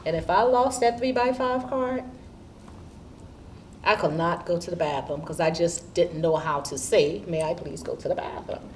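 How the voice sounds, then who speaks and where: With a lowish, somewhat mellow voice at normal speed, a woman in her fifties from Haiti answers questions as an assistant principal in a sit-down interview. The setting is an indoor school studio with a curtain backdrop, and a distant mic captures room noise.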